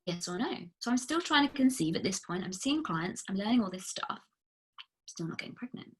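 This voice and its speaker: Chatty, husky-voiced woman coach. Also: mid-range voice, very animated, moderate pace. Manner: chatty and emphatic, frequent "like" fillers; blunt, candid asides. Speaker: fertility coach. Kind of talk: casual recorded masterclass talk.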